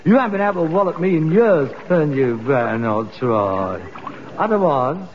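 An old, reverberant broadcast recording with clear noise, featuring a man acting as a fussy middle-aged son in a sitcom. His London-accented voice swings dramatically up and down. He is theatrical, scolding and exasperated. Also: fairly high pitch, lively intonation, normal speed, muffled recording, lightly acted. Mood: irritated, threatening. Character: exasperated, fussy grown-up son of old working-class father.

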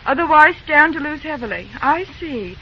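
A woman's voice: high-pitched, expressive, normal speed. An actress playing a plucky, helpful young woman railroad telegrapher in an old-time radio drama, perky and plainspoken. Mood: curious, helpful. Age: young adult. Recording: dull, noisy old radio recording.

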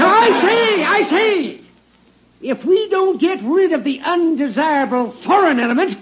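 An actor playing a scheming small-town banker in an old radio western, stirring up a crowd in an oily, wheedling manner. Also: male voice, very high voice, background noise, heavily acted. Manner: rabble-rousing, wheedling and oily. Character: scheming smooth-talking small-town banker, male, middle-aged. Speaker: villain. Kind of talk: 1940s radio acting. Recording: dull old radio recording.

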